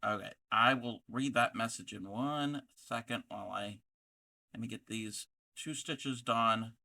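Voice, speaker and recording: Bright-voiced man hosting a casual craft livestream. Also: mid-range voice, creaky. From North America. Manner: distracted, halting, reads chat messages aloud. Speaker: livestream host of a craft channel. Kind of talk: casual livestream chat while crocheting.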